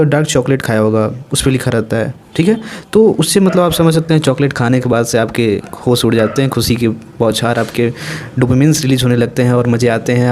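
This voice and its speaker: A man giving a casual exam-prep vocabulary lesson, talking in a lively, playful way with chatty asides. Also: medium pitch, a little hiss or hum. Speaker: vocabulary teacher.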